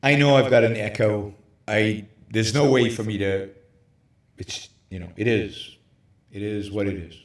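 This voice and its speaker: A man hosting a livestream, lecturing emphatically from a hotel room with very high ceilings, his voice carrying a hollow cave-like echo. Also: fairly even intonation, unhurried. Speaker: show host. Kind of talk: livestream talk on philosophy.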